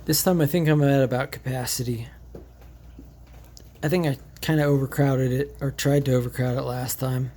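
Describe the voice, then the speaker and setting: Casual male hobby vlogger, mid-pitch, unpolished and rambling, light background hum. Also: steady tone, moderate pace, dark tone. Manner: loose, rambling, thinking aloud with fillers. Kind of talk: casual tank tour vlog. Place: indoors beside a fish tank.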